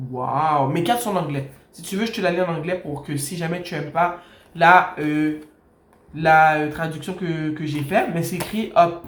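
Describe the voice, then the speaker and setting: A woman doing a casual tarot reading, talking straight to the viewer and softly calling on the universe for messages. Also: on the low side. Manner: speaks straight to the viewer, calls on the universe in soft pleas. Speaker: tarot card reader. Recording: echoey room with steady background noise.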